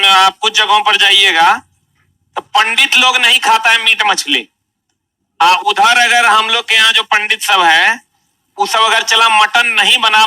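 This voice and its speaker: A man's voice: sits high, pushed and bright, distant mic, rough recording. A male teacher with a Bihari Hindi accent, giving a chatty classroom lecture and quizzing the students. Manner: chatty, asks the class questions.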